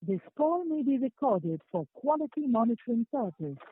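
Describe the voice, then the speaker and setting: A woman's voice: a little high, very animated, normal speed, husky. A woman's recorded phone message, a formal scripted greeting played to callers on hold. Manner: evenly paced formal announcing. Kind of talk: scripted announcement. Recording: tinny phone line.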